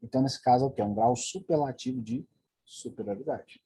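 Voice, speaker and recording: A man's voice: medium pitch, brisk, dark tone, slightly rough. A man with a Brazilian Portuguese accent teaching an English grammar lesson, explaining patiently and checking in with his students.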